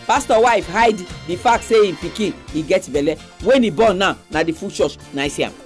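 A woman's voice: lowish voice, lively intonation, brisk. A woman with a Nigerian accent, presenting a radio programme in Pidgin as its host. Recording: music behind the voice.

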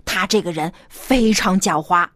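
A woman's voice: lowish voice, measured pace, a bit bright, dry recording, studio quality, voice pushed down. A woman voicing a scheming, falsely pious king in a children's Bible story, with a hypocritical, gracious manner. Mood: false sweetness, urging.

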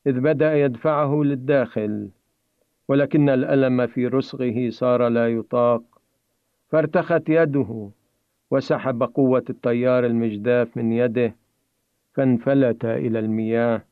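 A man's voice: medium pitch, fairly even intonation, moderate pace, dry recording. Man narrating a story over a tinny line. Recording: tinny phone-like dry recording.

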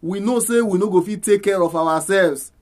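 A man's voice: high voice, normal speed. A man with a Nigerian accent, a church elder, praying aloud in Nigerian Pidgin.

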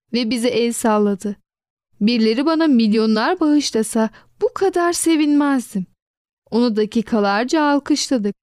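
A woman narrating a children's storybook in an expressive reading voice, giving quoted lines a lively lift. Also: a little high, dry recording, clean studio sound.

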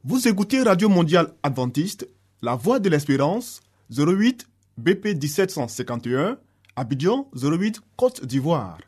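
A man's voice: on the high side, sing-song, moderate pace, a little mellow, breathy edge. A man announcing the station and the next program in a station announcement. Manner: announcing, emphatic.

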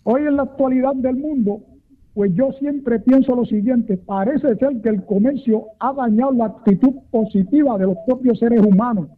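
A man's voice: very high voice, normal speed. An older man with a Puerto Rican accent calling in to a radio show, speaking in a formal, flowery, long-winded way. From Puerto Rico. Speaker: caller. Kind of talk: radio call-in. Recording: tinny phone line.

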